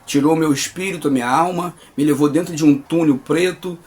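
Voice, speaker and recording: A man's voice: fairly high pitch, brisk, darkish tone. A man with a Brazilian Portuguese accent giving an earnest, emphatic religious testimony and calling his listeners brother.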